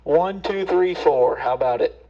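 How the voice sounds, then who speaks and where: A man's voice: a little high, unhurried. Man doing a radio check over a CB speaker. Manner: steady, plain counting in short bursts. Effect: heard over a CB radio speaker. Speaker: radio shop owner. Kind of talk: radio check, counting for an audio test. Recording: dull, lo-fi radio speaker sound.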